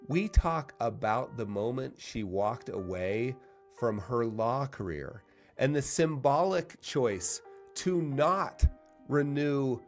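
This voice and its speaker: A man hosting a podcast interview, speaking thoughtfully and often restarting his sentences as he tells a story. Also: mid-range voice. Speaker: podcast host. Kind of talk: conversational interview.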